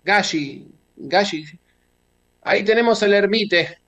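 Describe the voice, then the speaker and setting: A man's voice: high-pitched, slow pace, fairly bright tone, dull audio. A man with a Rioplatense accent hosting a casual video call interview, curious and describing what he sees. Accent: Rioplatense Spanish. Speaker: interviewer host.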